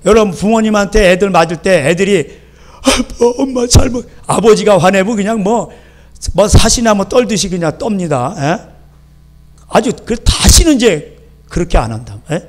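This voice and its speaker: A male pastor delivers a sermon, his voice sitting high for a man. He talks in a lively, conversational way and often stops to check that the congregation is following. Now and then he slips into acting out a stern parent. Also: normal speed. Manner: lively, acts out scolding parents. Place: church sanctuary.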